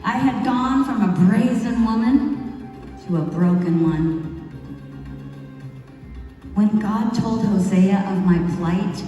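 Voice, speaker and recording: Woman playing Gomer, slow and echoing. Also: mid-range voice, warm tone, dull audio, natural voice. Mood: regretful. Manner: slow, reflective storytelling with dramatic pauses. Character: wayward young biblical wife turned remorseful. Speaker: monologue performer. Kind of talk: theatrical first-person monologue. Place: large hall at a retreat. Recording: echoey hall from far off, faint music.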